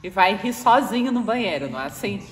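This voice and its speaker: Speaking briskly in an expressive mid-range voice, a woman with a Brazilian Portuguese accent addresses a live audience in a casual spiritual talk. She keeps prompting listeners for responses. Faint noise and echo from the hall come through.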